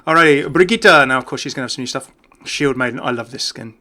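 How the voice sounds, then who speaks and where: Bright and forceful, his medium-pitched voice rattles along fast as he gives relaxed, spontaneous video game commentary, chatting enthusiastically about the little things.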